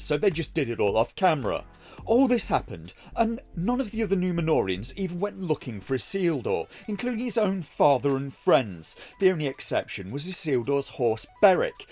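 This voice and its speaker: A man narrates a scripted review as a mocking critic. His pitch swings in a very animated way from phrase to phrase, with faint music underneath. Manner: mocking, sarcastic. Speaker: video reviewer.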